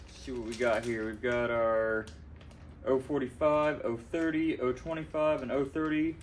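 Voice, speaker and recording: A man's voice: mid-range voice, fairly even intonation, moderate pace, a little hiss or hum. A young man chatting casually while unboxing and setting up a welder in his garage workshop. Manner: chatty, loose, talks while working with his hands. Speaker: welding hobbyist vlogger. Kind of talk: casual unboxing and how-to talk. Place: garage workshop with concrete floor. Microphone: phone camera held or propped nearby.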